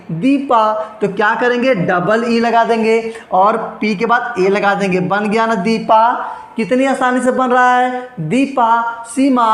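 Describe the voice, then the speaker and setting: Man teaching grammar in an echoey room. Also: very high-pitched. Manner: asks himself rhetorical questions and answers them, repeats "understand"; drawls out words slowly to show their sounds. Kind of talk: online Hindi-medium grammar lesson.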